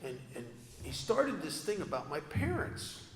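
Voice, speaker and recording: At a recovery convention, a man with a fairly high, very animated voice shares his personal story at a measured pace, earnest and confessional with self-deprecating humor. The hall is echoey with long reverb, and a little hiss or hum is audible.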